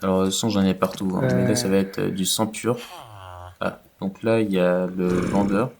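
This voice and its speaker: A man's voice: deep voice, flat delivery, moderate pace, creaky, a little mellow. A man giving casual, rambling commentary over his own video game play, with many fillers. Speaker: gaming YouTuber.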